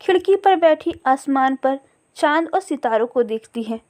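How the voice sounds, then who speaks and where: A woman narrating a children's story as a storyteller, with expressive, emotive telling. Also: high voice, moderate pace.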